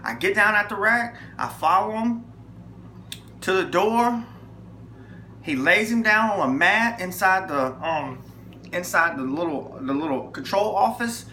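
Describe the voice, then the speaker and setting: Sharing a personal testimony, a man with a high-sitting voice speaks a little slowly yet with emphasis, bringing the story to life with acted-out quotes. The echoey room carries faint ambience plus a bit of hiss or hum.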